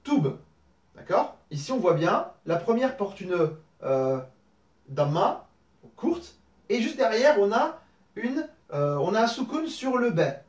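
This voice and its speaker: A man teaching an online lesson, explaining patiently step by step with many pauses and fillers. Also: high-pitched, big pitch swings, reverberant, recorded from a distance. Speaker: Arabic teacher.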